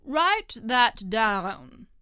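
A woman voicing a pompous, impatient male king who slowly hands down stern orders at a trial. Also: fairly high pitch, very animated, pushed and bright, clear, resonant tone, dry recording, studio quality, heavily acted. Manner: slow, stern pronouncements.

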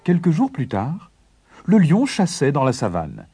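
A man narrating a children's fable in an expressive, animated storytelling manner. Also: fairly high pitch, measured pace, music in the background.

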